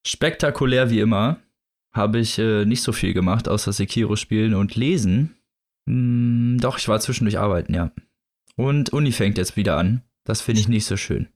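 Young guy running a podcast, kinda low voice, jokey, steers the chat. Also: moderate pace, darkish tone. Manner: jokey, leads the talk. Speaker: podcast host. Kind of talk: casual chat.

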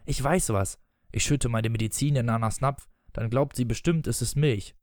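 A man's voice: medium pitch, normal speed, a little mellow, no room sound, studio quality, natural voice. A man reading a blustering, self-pitying father. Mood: wheedling. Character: proud, sulky, stubborn father of a family.

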